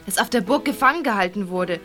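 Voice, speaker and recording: A woman's voice: mid-range voice, lively intonation, quick pace, pushed and bright, faint music behind. An actress playing a clever schoolgirl who lays out a secret plan in a conspiratorial way. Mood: plotting. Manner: conspiratorial, planning.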